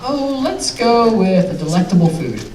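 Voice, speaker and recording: Higher-voiced male improv host over loud crowd. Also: very animated, normal speed. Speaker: improv show host and judge. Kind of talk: live comedy show hosting. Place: live show in an echoey room with audience. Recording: echoey room, distant mic, loud audience.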